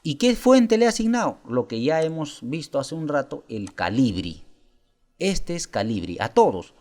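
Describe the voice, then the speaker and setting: A man presenting a software tutorial, explaining step by step and asking viewers rhetorical questions. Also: a little high, very animated, normal speed. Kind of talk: screen-recorded software tutorial.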